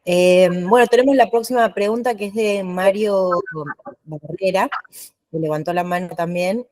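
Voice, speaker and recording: A woman's voice: medium pitch, moderate pace, darkish tone. A woman with a Rioplatense accent moderating an online Q&A and passing the floor to the next questioner. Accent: Rioplatense Spanish.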